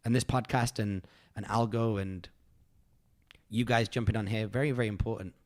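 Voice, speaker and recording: A man from the United Kingdom hosts a podcast, reflecting on his year in a casual, rambling, earnest way full of fillers. His voice is on the low side, with a steady tone and a moderate pace.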